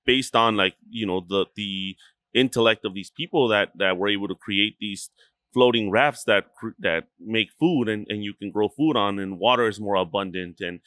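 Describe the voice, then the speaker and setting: A man's voice: fairly low pitch, normal speed, a bit bright, dry recording. A man from Chihuahua, Mexico, a restaurant co-owner talking casually as a podcast guest, rambling with lots of fillers and swearing freely.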